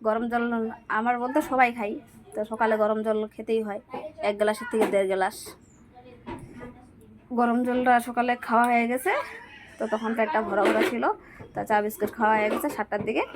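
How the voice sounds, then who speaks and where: A woman's voice: on the high side, background noise. A woman vlogging while she cooks in her small home kitchen, her voice a little thick today, chatting on and on and pleading with viewers to keep watching. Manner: chatty, repeats herself, keeps pleading with viewers. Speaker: cooking vlogger. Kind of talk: casual cooking vlog chat. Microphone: camera propped to one side.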